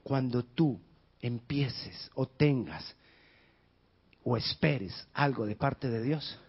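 A male pastor preaching a sermon with passion, rising to shouts and dropping to near whispers. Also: breathy edge. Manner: impassioned, shouting in bursts then dropping low. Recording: dull lo-fi sound.

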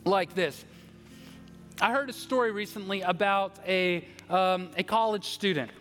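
A man's voice: sits high, unhurried, a bit bright. A man, preaching as a pastor, earnest and prayerful as he leads a prayer and encourages the congregation. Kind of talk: sermon with prayer. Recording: long hall reverb, faint music.

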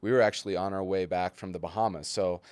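A man's voice: low-pitched, fast talker, clean tone, no echo. A man in his forties, a pastor co-hosting a podcast, telling stories casually with fillers and laughs. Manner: storytelling, relaxed with frequent fillers and laughs.

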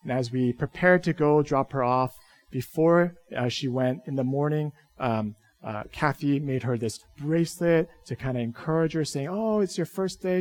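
A pastor preaching a sermon, telling a family story with sudden swings between loud emphasis and quiet asides. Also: male voice, mid-range voice.

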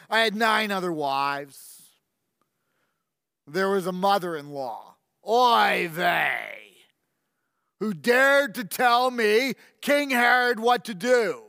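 A vain, tyrannical ancient king, played by a man, who boasts in a high, bright, cutting voice. He speaks slowly and savors every threat, pompous and menacing. The close, dry voice trails off into a long hall reverb. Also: heavily acted. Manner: pompous, menacing, with slow drawn-out emphasis. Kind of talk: first-person dramatic monologue.

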